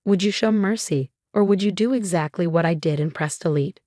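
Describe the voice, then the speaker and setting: Low-voiced woman narrating a story. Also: fairly quick, warm tone, dry recording, clean studio sound. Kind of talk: scripted first-person story narration.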